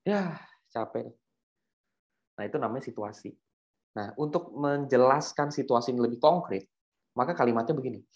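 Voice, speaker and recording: A man's voice: medium pitch, moderate pace, long pauses, highs cut off. A young man, preaching as a youth pastor in a casual, joking storytelling way. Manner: animated, joking, slangy.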